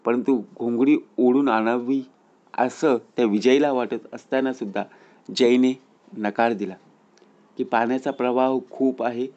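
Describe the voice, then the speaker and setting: Earnest male storyteller, lo-fi sound. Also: a little mellow. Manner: earnest storyteller, rises in pitch and volume at tense moments. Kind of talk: moral story narration.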